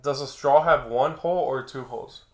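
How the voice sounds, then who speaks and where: A young man musing casually in a laid-back stoner way, slangy and halting. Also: mid-range voice. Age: young adult. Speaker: co-host. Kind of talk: casual chat. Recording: roomy, echoing indoor sound.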